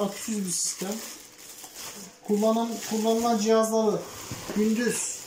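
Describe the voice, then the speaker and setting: A woman installer casually explaining a product unboxing as she handles the equipment. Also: medium pitch. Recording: roomy, distant, noisy recording.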